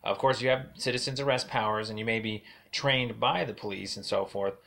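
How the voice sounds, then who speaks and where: Low-voiced man leaving a halting voicemail. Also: fairly even intonation, gravelly, fairly bright tone. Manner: halting, many fillers, formal complaint tone. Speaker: caller.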